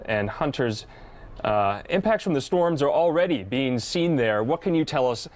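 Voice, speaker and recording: A man anchoring live news in an ad-libbed, somewhat hesitant and halting way. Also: medium pitch, animated, darkish tone.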